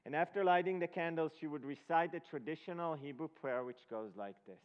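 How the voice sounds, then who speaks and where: A higher-voiced Israeli man with a clear, resonant tone preaches as a guest at a Passover presentation. Speaking haltingly, he asks his audience check questions during this ceremonial teaching in a large reverberant hall, recorded in dull lo-fi.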